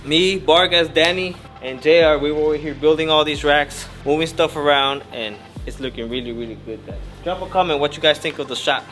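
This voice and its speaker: A man talks casually to viewers while showing off his shop. His voice sits a little high and he sounds a little out of breath. Faint music plays underneath. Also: brisk, few pauses, fairly bright tone. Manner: laid-back, mixes Spanish into English, repeats "guys". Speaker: channel host. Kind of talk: casual vlog talk. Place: his auto parts shop.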